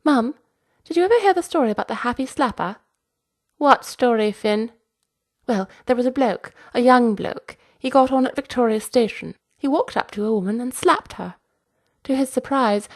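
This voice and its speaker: A woman's voice: fairly high pitch, expressive, moderate pace, voice pushed up. Woman voicing a meek nervous son. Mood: chatty. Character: hapless adult son, mild and nervous.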